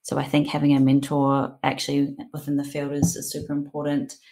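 A woman's voice: low voice, monotone, a little fast, dark tone. A woman with a broad New Zealand accent, chatting casually as a podcast co-host. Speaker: podcast co-host and product designer.

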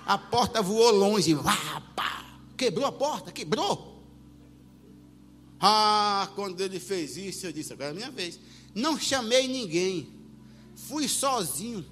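Animated preacher man in a reverberant hall. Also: sits high, slight background noise. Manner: animated, acts out voices and shouts. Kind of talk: sermon storytelling. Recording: long hall reverb with faint music.

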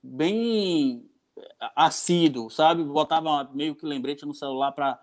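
Man, northeastern Brazilian Portuguese accent, slightly high voice, slangy, informal casual chat. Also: slow pace, a little hiss or hum. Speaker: podcaster guest.

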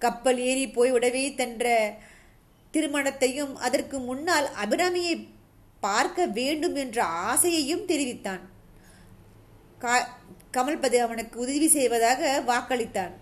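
High-voiced woman reading a novel aloud. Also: measured pace, long pauses. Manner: steady storytelling with occasional slips and restarts. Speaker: narrator.

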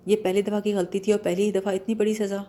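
A frightened young woman from a storybook, begging and pleading, voiced by a woman narrator. The tone is mellow and dark, with little change from the reader's own voice. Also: medium pitch, little pitch movement, natural voice.

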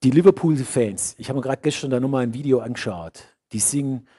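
Husky preacher, swinging loud to hushed. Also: male voice, medium pitch, quick pace, dry recording, clean studio sound. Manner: emphatic, repeats key phrases, swings between loud and hushed. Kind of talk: sermon.

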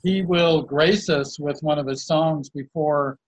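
A man from Canada speaks slowly in a casual conversation. His voice sits a little high, and he pauses often as he warmly introduces friends. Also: steady tone, rough recording. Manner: slow, halting, complimentary. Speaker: guest and co-host introducing friends.

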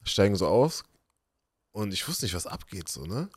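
Low-voiced young man spinning animated stories. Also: moderate pace, slightly rough, no room sound, clean studio sound. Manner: animated storyteller, acts out quoted voices. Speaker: podcast co-host. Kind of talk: casual storytelling chat.

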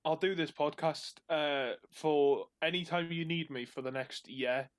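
Higher-voiced Northumbrian man, sweary podcast banter. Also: fairly even intonation, unhurried, clean tone. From Northumberland, England. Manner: jokey, self-deprecating, sweary. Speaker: podcast co-host. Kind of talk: casual banter.

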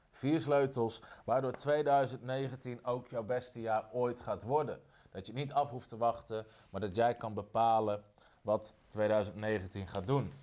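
A man preaching a sermon, emphatic, repeating phrases and slowing down on key lines. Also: medium pitch, a little mellow.

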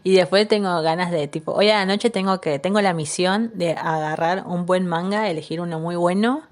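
Young Rioplatense woman, podcast co-host, easygoing chat, slightly low pitch. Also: moderate pace. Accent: Rioplatense Spanish. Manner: chatty, laughing, many fillers. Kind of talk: casual chat.

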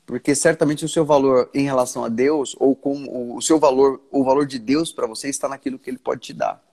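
A man with a Brazilian accent, a pastor talking in an earnest casual devotional chat, often restarting and slowing down for emphasis. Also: medium pitch, steady tone, creaky, a little mellow.

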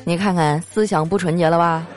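With a fairly low pitch and a steady tone, a woman reads listener jokes a little fast on a comic podcast backed by light music. She's playful and laughs often, acting out quoted lines in a raised voice.

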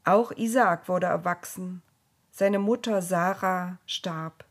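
Female storyteller, calm children's reading, breathy, unhurried. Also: on the low side.

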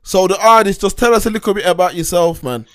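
A man with a London accent hosting a casual, slangy interview in a halting, rephrasing way. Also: high-pitched, fairly bright tone, dry recording. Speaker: host.

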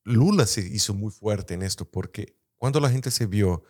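Low-voiced man speaking Portuguese-tinged Spanish, portuñol. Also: lively intonation, normal speed, darkish tone. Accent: Portuguese-influenced Spanish, Brazilian. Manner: mixes Portuguese into Spanish, searching for words. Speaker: political commentator. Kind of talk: conversational political analysis.

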